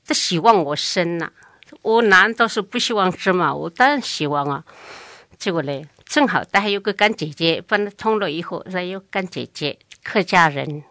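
A woman's voice: on the low side, normal speed, no room sound. Older woman telling a family story. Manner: lively, acts out other people's speech. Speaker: interviewee recounting family history. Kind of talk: oral history storytelling.

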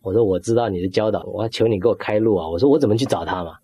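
A man's voice: on the low side, rapid-fire, warm tone, husky, no echo. A middle-aged man giving an emotional personal faith testimony, acting out his own prayers and dropping in English words. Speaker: testimony speaker.

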